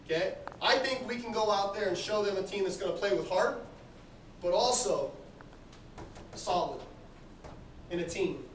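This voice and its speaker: High-pitched male coach in an echoey room. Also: moderate pace, long pauses. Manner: exhorting, short phrases punctuated with check-in questions. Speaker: basketball coach. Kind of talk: pre-game team talk. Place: small team locker room. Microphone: camera across the room. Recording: roomy, distant camera mic, faint noise.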